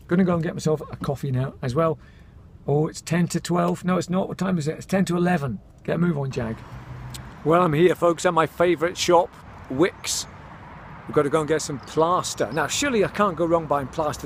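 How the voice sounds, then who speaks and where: A man's voice: fairly high pitch, slight background noise. A middle-aged man, born in Scotland and raised in England, chatting casually to camera in a daily vlog, self-mocking and calling his viewers folks. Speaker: vlogger.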